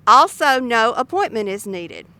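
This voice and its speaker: Clear, bright masked woman being interviewed. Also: a little high, big pitch swings, measured pace. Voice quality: talking through a face mask. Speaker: health department spokesperson, interview guest. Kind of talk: informative interview answers. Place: outdoors near road traffic. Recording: outdoors by passing traffic.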